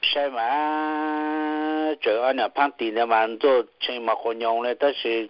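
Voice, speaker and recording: A man talking in quick, casual chat with plenty of fillers. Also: mid-range voice, steady tone, no echo. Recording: dull lo-fi recording.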